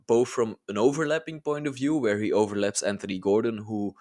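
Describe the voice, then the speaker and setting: A man's voice: lowish voice, steady tone, a little fast, a little mellow. A man hosting a football channel, giving casual ranking commentary in a chatty, informal and enthusiastic manner. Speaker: YouTube football channel host.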